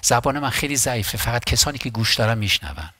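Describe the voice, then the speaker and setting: A man's voice: mid-range voice, expressive, bright, forceful tone, husky, no echo. A man preaching a sermon as pastor, impassioned and emphatic, repeating phrases and often restarting words.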